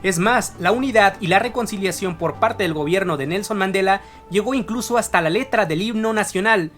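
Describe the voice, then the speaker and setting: A host narrating a scripted educational video in an earnest, measured way, often turning to ask the viewer questions. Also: medium pitch, fairly bright tone. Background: faint background music.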